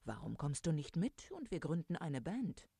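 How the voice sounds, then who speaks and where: A woman's voice: low voice, sing-song, moderate pace, gravelly, mellow, breathy edge, no room sound, clean studio sound, exaggerated voice. A woman reading a friendly old donkey.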